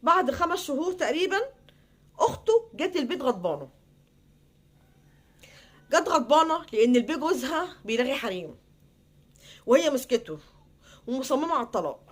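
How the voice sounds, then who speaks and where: A woman with an Egyptian Arabic accent casually tells a personal story, her high voice swinging widely in pitch. She acts out the quoted dialogue between people in a quick back-and-forth.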